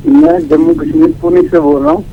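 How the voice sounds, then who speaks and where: A man calling in to a show, heard over a phone line, talking in a halting, hesitant way and breaking off mid-sentence. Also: extremely high pitch, big pitch swings, vocal fry. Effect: caller heard over a phone line. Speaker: caller. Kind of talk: phone-in question. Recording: dull lo-fi phone line, faint noise.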